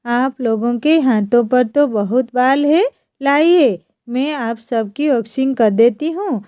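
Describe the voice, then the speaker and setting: A woman's voice: sits high, takes it slowly, mellow, smooth, no room sound. A woman voicing a brash, pushy young bride in a bossy, teasing manner.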